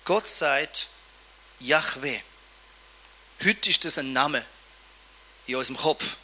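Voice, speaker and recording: A preacher delivers a sermon with lively emphasis and playful asides. His voice is high-pitched for a man and very bright and sharp in tone. He lands his points firmly. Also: a little slow.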